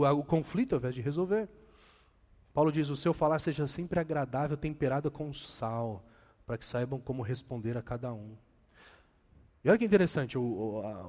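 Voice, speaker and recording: A Brazilian man preaching a sermon as a pastor, animated and speaking with self-deprecating humor. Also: a little high, big-room sound.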